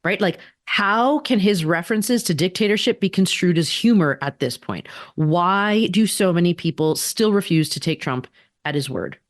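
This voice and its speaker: Woman co-host, lower voice, pressing rhetorical questions in casual chat. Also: lively intonation, no echo, studio quality. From daughter of immigrants. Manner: emphatic, quick asides, rhetorical questions. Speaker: podcast co-host.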